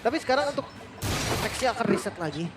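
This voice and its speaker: Fast, high-pitched Indonesian male co-caster. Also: animated, far from the mic, over loud music. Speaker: esports co-commentator. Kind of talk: live game commentary.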